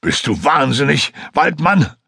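A man's voice: fairly high pitch, big pitch swings, a little slow, vocal fry, husky, no echo, clean studio sound, voice pushed up, exaggerated voice. A man voicing a stubborn, reckless male glider pilot who is out of breath and frantically insistent. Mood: frantic. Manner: frantic, insistent, shouting while swimming.

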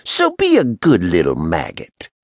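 A man voicing a cruel, ancient old woman shaman, speaking slowly and menacingly. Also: deep voice, wildly swooping pitch, no echo, heavily acted. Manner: menacing, slow and drawn out.

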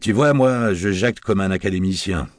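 A man's voice: deep voice, normal speed, dry recording, clean studio sound, natural voice. A man voicing a wisecracking middle-aged male barman with slangy, bantering talk. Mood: jovial banter.

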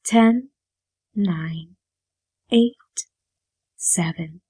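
A woman voicing a female hypnotist who counts down in a breathy, murmuring sing-song, as whispered role-play. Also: medium pitch, slow. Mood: hypnotic.

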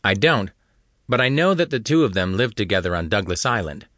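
A male audiobook narrator voicing a dutiful police deputy who answers briskly and obligingly. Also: lowish voice, sing-song, fairly bright tone, dry recording, studio quality.

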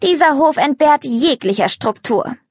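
A woman's voice: sits high, expressive, normal speed, no echo, clean studio sound, voice pushed up. A woman voicing a haughty, condescending rich countess in a children's storybook reading. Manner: snooty, condescending.

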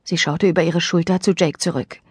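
A woman reading a first-person story as an audiobook narrator, expressive and lively, on a dry studio microphone. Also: fairly low pitch, fairly quick, slightly rough, no echo.

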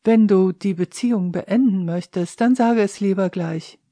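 A woman's voice: medium pitch, measured pace, warm tone, no room sound, clean studio sound, natural voice. A woman reading the part of an earnest, hesitant man in an audiobook. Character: grown man, tender but easily hurt.

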